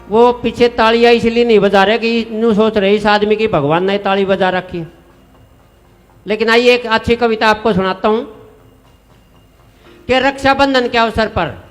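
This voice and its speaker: High-voiced Haryanvi comic poet on stage. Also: male voice, fairly bright tone. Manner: folksy, chatty with the audience, rhyming punchlines. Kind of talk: stage comedy poetry recitation. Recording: live stage with long reverb.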